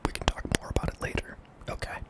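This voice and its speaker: Whispering male ASMR horror narrator. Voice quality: breathy, mostly unvoiced whisper with some creak. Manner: hushed, deliberate storytelling in short phrases.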